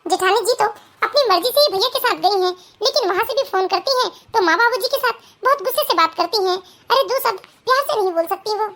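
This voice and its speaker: A gentle young newlywed from an animated family tale, as a woman plays her, soft and eager to please. The voice is very high and bright. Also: brisk, few pauses, full character voice. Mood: meek. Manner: soft, obliging, hesitant. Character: meek, simple young new bride.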